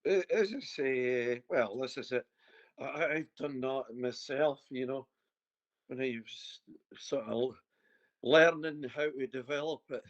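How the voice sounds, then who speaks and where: A man's voice: medium pitch, a little slow, dry recording. A man with a broad Scottish accent, working as a medium and chatting informally, with some banter, in a one-to-one reading. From Scotland. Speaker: spirit medium giving a private reading. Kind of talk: casual chatty one-to-one consultation. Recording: dull, muffled lo-fi sound.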